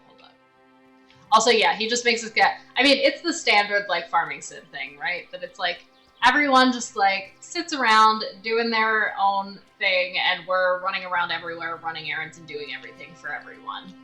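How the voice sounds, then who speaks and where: A woman's voice: mid-range voice, normal speed, bright, forceful tone, faint music behind. A woman streaming a game, chatting casually with her viewers and thinking aloud. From United States. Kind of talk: casual live-stream commentary while gaming.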